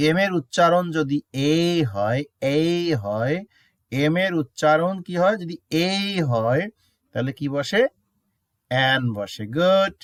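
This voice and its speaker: A male teacher explains grammar, his pitch leaping up and down as he checks with his students again and again. He repeats example words slowly to show how they are pronounced, in a dry, close recording with no room sound. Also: dry recording. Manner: asks students frequent check questions; mixes English examples into Bengali explanation. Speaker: English teacher. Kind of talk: classroom lesson explaining grammar.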